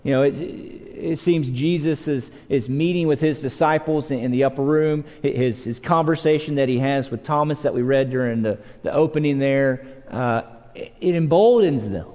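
A man's voice: moderate pace, mellow. Earnest male preacher in a reverberant hall. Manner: earnest, repeats words, rises and drops in pitch for emphasis. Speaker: pastor. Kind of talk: sermon. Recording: long reverb of a church hall.

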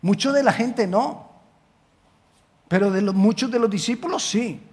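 High-voiced male preacher, emphatic. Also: unhurried, breathy edge. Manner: emphatic preaching with big swings in loudness; repeats words for emphasis. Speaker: pastor. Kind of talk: sermon.

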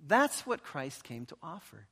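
Delivering a sermon and prayer in a large church hall, this man speaks with a fairly high, husky, sharp-toned voice that is very animated yet unhurried. He exhorts emphatically, repeating short phrases and posing rhetorical questions. Music plays behind him, and the big hall echoes.

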